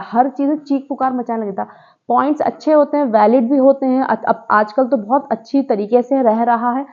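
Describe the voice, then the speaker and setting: Chatty opinionated woman, lo-fi. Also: a little high. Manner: chatty, opinionated, mixes English words in. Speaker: show reviewer. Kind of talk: casual spoken review.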